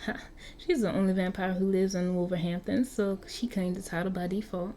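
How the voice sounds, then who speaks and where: A woman's voice: mid-range voice, flat delivery, a little fast, warm tone, slight background noise, natural voice. A woman voicing a flippant Southern-drawled vampire. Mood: breezy. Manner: chatty, flippant, slangy. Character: cocky young-looking vampire, century-old street kid. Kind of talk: reading an interactive story aloud.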